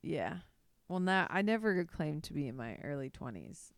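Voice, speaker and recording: A woman's voice: low-pitched, very animated, moderate pace, no echo. A woman in her thirties hosting a podcast, chatting casually and laughing easily. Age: 30s. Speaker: podcast host. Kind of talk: casual chat.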